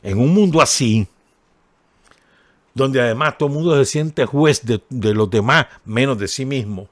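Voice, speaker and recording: A man with a Nicaraguan Spanish accent reads a column on air in a radio studio and comments on it. He speaks casually at a measured pace in a mid-range voice, asking listeners whether they agree and adding ironic asides. The sound has no echo.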